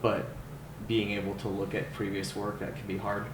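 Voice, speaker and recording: A man hosting a casual podcast interview, restarting his sentences often and quick to agree. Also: lowish voice, completely flat delivery. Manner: stammering restarts, quick affirmations. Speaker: podcast host. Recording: roomy, with clear noise.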